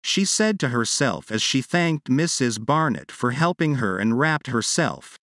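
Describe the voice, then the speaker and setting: A man reading a literary short story aloud as a measured narrator, slowing on key phrases. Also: mid-range voice, lively intonation, a bit bright, no echo, studio quality. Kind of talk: scripted audiobook narration.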